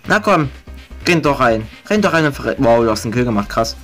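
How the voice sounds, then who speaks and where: A mid-pitched gamer with a lively, swinging intonation. The talk is casual, sarcastic and foul-mouthed griping about the match, with faint music behind it. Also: brisk. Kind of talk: gaming commentary, casual chat with a friend.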